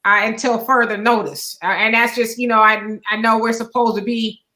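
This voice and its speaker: A woman's voice: fairly high pitch, steady tone, normal speed, sharp tone. A woman co-hosting a casual political talk show, chatty and meandering with lots of fillers. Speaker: co-host.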